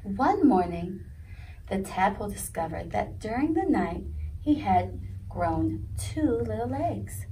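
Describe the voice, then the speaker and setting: A woman's voice: medium pitch, big pitch swings, slow, dark tone, far from the mic, a little hiss or hum, rough recording. A woman leading a children's story time, reading a picture book aloud in a sing-song voice and asking the kids questions. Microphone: video recording.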